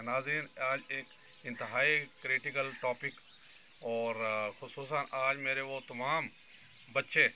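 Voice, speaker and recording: A man's voice: mid-range voice, bright, forceful tone, muffled recording, a little hiss or hum. A man in his fifties from Pakistan giving an earnest political commentary monologue, addressing his viewers directly. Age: 50s. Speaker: vlogger.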